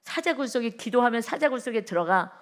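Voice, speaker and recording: A woman pastor preaching an early-morning sermon with emphasis, reading scripture slowly and loudly and asking her listeners direct questions. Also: fairly high pitch, expressive. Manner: vivid sound words and direct questions to the congregation.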